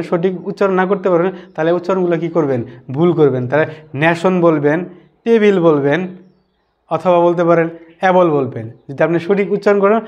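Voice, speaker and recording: A man giving a spoken English lesson, repeating each letter slowly and mixing English phrases into his talk. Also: high-pitched. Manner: mixes English words into Bengali. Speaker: English teacher.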